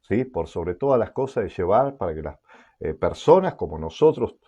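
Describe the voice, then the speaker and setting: A man's voice: low voice, sing-song, moderate pace, dark tone, slightly rough, lo-fi sound. A man preaching a sermon, repeating words and checking in with his listeners, full of "eh" fillers. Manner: repeats words and asks "¿sí?" often, with many "eh" fillers.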